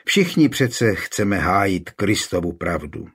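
A man reading a high-voiced woman who scolds a table of quarrelling men. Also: very animated, fairly bright tone, breathy edge, heavily acted. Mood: scolding. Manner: indignant, reproachful.

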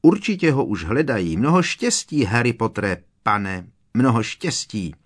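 A man voicing an eager male house-elf servant who shrieks in a squeaky voice and talks about himself in the third person. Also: big pitch swings, slightly rough.

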